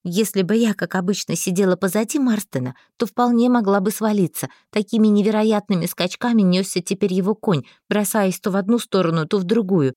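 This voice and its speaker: A woman narrating a first-person fantasy novel in a lively storytelling manner. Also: medium pitch, brisk, few pauses, no room sound, clean studio sound. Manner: lively storytelling, voicing every figure. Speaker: audiobook narrator.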